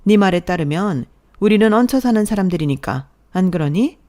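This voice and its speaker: A woman's voice: fairly low pitch, expressive, moderate pace, a little mellow, close to an everyday voice. A woman voicing a nagging, sarcastic older mother-in-law who scolds as she speaks.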